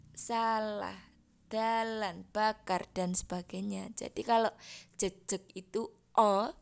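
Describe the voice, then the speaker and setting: A woman with a Javanese accent teaching a language lesson, reading out example words slowly and one by one. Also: mid-range voice, vocal fry, a bit bright. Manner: slow, deliberate, spells out example words one by one.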